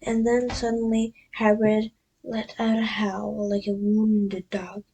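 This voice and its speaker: Soft half-whispering woman reading aloud. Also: medium pitch, little pitch movement, takes it slowly, husky, dull audio. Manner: soft, half-whispered, with frequent self-corrections. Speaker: storyteller.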